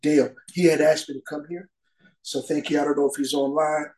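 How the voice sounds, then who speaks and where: A man's voice: a little high, flat delivery, a little fast, darkish tone, roomy sound, poor audio. A middle-aged man giving a long, rambling personal recovery talk as a guest speaker, peppered with "you know" asides.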